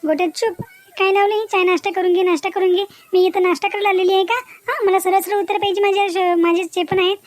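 A woman's voice: extremely high pitch, level tone, fast. A woman voicing a young educated village woman in a cartoon, upset and confronting the boyfriend she ran away with. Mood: angry. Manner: pleading then demanding, confrontational. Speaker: cartoon character. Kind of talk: Marathi cartoon voice acting.

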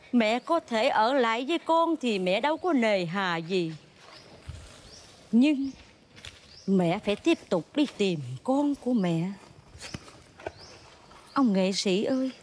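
A woman voicing a gentle mother monkey in reformed opera, speaking slowly and pleading. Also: on the high side, expressive, slight background noise. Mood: sorrowful. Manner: slow, pleading farewell speech. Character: gentle mother monkey, grieving, self-sacrificing. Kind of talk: reformed opera spoken dialogue.

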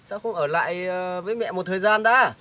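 Man as a high, bright-voiced village head, wordy and hedging. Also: fairly quick. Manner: hedging, rambling with many fillers. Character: polite village head sorting a family's property. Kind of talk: amateur short-film acting.

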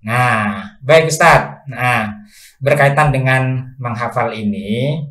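A man's voice: medium pitch, slow, a bit bright, roomy sound. A man hosting a podcast interview, politely restating his guest's points with many fillers. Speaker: podcast host. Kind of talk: casual interview.

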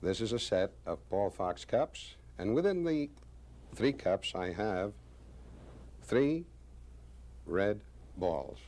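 A man in his sixties, a magician presenting a demonstration with deliberate, showman-like, wryly self-praising patter. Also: fairly low pitch, big pitch swings, darkish tone. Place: small indoor studio stage with curtain. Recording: faint background noise.

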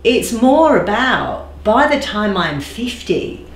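A woman in her forties, a guest in an interview, speaking thoughtfully and slowing down to stress key phrases. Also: medium pitch, sing-song. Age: 40s. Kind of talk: reflective conversational interview. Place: bright living room, seated on a sofa. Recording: roomy echo.

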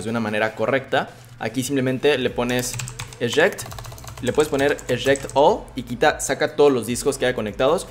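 A young man giving a relaxed, chatty software tutorial, full of fillers and restarts. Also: medium pitch. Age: young adult. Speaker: tech YouTuber.

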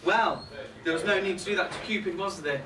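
Close to his everyday voice, a young man with a high voice talks a little fast as a catty, resentful male reindeer complaining about Santa's crew. Indignant and gossipy, he makes arch asides to a live audience in a small pub room, recorded by a far camera with echo and background noise.

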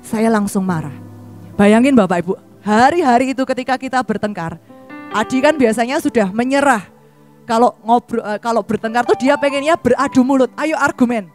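A woman's voice: brisk, a little mellow. Woman preaching over faint music. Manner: storytelling, acting out a quarrel with rising pitch. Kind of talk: sermon.

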